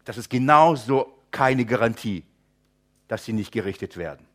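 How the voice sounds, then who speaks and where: German-speaking pastor teaching verse by verse. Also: male voice, medium pitch, expressive. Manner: rhetorical questions to listeners, addresses them as friends; acts out imagined objectors in quick asides.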